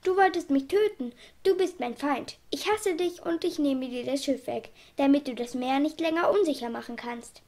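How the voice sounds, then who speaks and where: A woman's voice: sits high, moderate pace, hardly any pauses, darkish tone. A woman reading a kind, firm animal doctor. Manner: firm, earnest.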